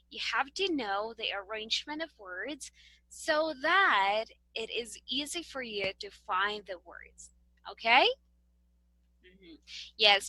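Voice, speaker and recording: A woman's voice: fairly high pitch, bright, forceful tone, low-quality recording. A woman with a Filipino English accent giving a classroom demonstration lesson, patiently guiding students with questions and light laughs. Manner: patient, guiding questions with frequent okay and right. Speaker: teacher.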